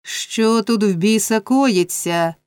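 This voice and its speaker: A woman voicing a rough, brutish man who barks out slow threats. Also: mid-range voice, a little mellow, no echo, natural voice. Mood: bullying. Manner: gruff, barking, slow.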